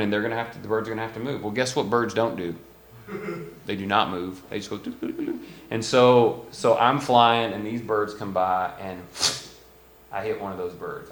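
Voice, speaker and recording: A man preaching a casual sermon with lots of fillers, swinging between loud emphatic lines and quiet asides. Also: fairly low pitch, slight background noise. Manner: casual, anecdotal, many fillers and restarts. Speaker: pastor. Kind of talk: conversational sermon. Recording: roomy echo with faint ambience.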